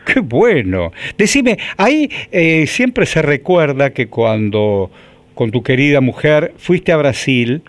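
A man in his seventies with an Argentine accent interviews on the radio, his pitch swinging widely as he prompts and praises. His voice sits slightly high, and the recording is close and dry. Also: sing-song, slow, dry recording. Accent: Argentine Spanish. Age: 70s. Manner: warm, effusive, prompting questions.

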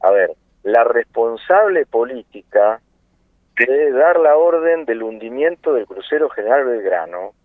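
A man's voice: mid-range voice, no echo. Argentine man around 60 on a phone line. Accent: Argentine Spanish. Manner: earnest, many fillers and rhetorical questions. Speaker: interview guest, political activist. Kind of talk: impassioned political phone interview. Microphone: telephone. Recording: tinny dry phone line.

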